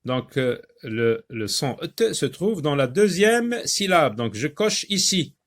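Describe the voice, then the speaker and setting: A man teaching a reading lesson to young children, repeating words slowly and patiently with many hesitant fillers. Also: on the high side, very animated. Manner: slow, patient, repeats words and syllables for learners; frequent hesitations with drawn-out fillers.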